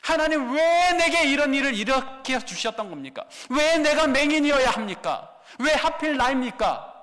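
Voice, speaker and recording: A man's voice: extremely high pitch, lively intonation, normal speed, sharp tone, voice pushed up, heavily acted. A man voicing a desperate blind beggar who pleads and cries out for mercy in a raised, straining voice. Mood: anguished pleading. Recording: long hall reverb.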